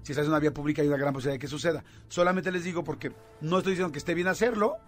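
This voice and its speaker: A man with a Mexican accent hosting a radio show, telling a story in a lively way with lots of fillers. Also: fairly high pitch, rapid-fire, soft background music. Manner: animated storytelling with many fillers. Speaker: radio host. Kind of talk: casual radio chat.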